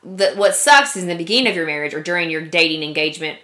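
A woman talks quickly in a relaxed chat among friends, full of self-deprecating asides. Her voice sits fairly low but sounds bright and crisp at the top, and she moves fast from one thought to the next. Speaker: podcast co-host.

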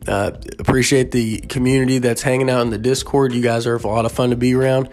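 A man's voice: medium pitch, little pitch movement, fast talker, a little mellow. A man hosting a sports betting podcast early in the morning, tired and yawning, talking in a laid-back, rambling way. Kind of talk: casual solo podcast.

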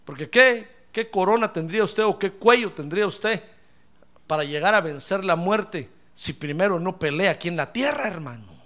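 A pastor delivers an animated sermon, his high, bright voice swinging widely between peaks and low asides. He addresses the congregation as brother, jokes with them, and mimics their complaints. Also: moderate pace. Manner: animated preaching, calls listeners brother, acts out complaints.

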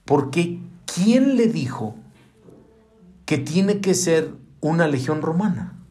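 A man delivering a sermon in a slightly high voice. He preaches with animation, jumping up in pitch and falling to hushed asides. He calls his listeners brother. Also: sing-song, slow pace.

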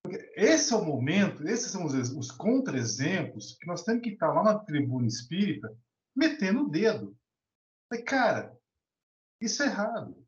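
Animated São man, echoey lo-fi. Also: high voice, moderate pace. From Brazil. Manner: animated, colloquial, many restarts. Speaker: discussion participant, teacher. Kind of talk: casual storytelling and opinion. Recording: echoey lo-fi recording.

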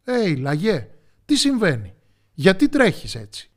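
A man's voice: high-pitched, huge pitch swings, darkish tone, pitched above the performer's own voice. A man voicing flustered storybook oxen.

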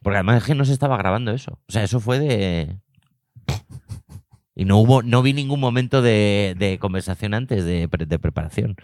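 Animated Spanish man telling stories. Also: lowish voice, a little fast, dry recording, clean studio sound. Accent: Spain Spanish. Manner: animated storyteller, acts out voices and shouts. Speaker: comedy podcast co-host. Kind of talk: casual comedic chat and storytelling. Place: at a table with microphones. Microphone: podcast table mic.

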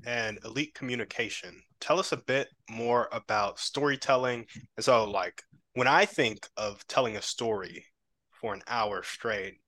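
A man's voice: mid-range voice, unhurried, sharp tone, no room sound. A man hosting an interview, asking casual, conversational questions. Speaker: interview host.

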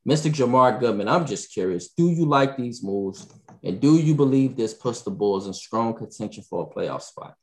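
A man hosting a morning sports talk podcast in casual chat, animated and often repeating himself. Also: medium pitch, moderate pace. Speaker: podcast host.

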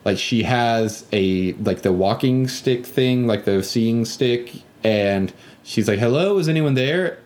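A man's voice: lowish voice, takes it slowly. A man in casual podcast chat, animatedly retelling a video game scene and acting out characters' lines. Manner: animated, acts out characters in yelling voices.

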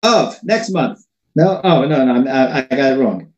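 A man's voice: medium pitch, lively intonation, moderate pace, lo-fi sound. A man giving an informal religious lesson, talking loosely and often repeating and restarting his words, heard in an echoey room. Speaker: religious teacher.

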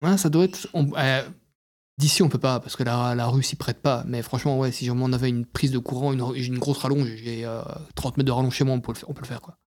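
A young man co-hosting a casual podcast chat, teasing and quick to joke and set playful challenges for the others. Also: medium pitch, fairly even intonation, darkish tone. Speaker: podcast co-host.

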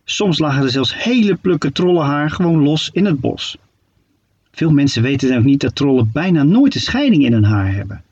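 A male storyteller reading a children's tale with a lively, playful lilt. His voice is husky and somewhat high, and it comes across dull and muffled. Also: moderate pace. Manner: playful, expressive storybook narration.

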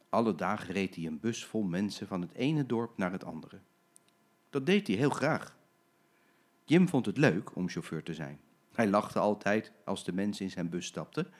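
Expressive older man reading a storybook. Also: fairly low pitch. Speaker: grandfather reading aloud. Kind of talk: reading a children's story aloud.

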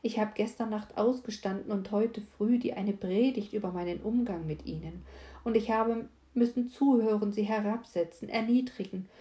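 A woman voicing a gentle, distressed young noblewoman who speaks earnestly through tears. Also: medium pitch, normal speed, lightly acted. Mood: tearful pleading. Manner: earnest, pleading, tearful tone. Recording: echoey room.

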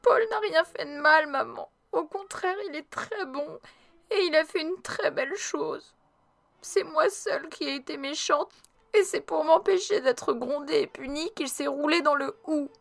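A woman voicing a remorseful little girl who talks haltingly, on the verge of tears. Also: high-pitched, vocal fry, pitched above the performer's own voice. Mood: upset. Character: young girl, remorseful, tearful.

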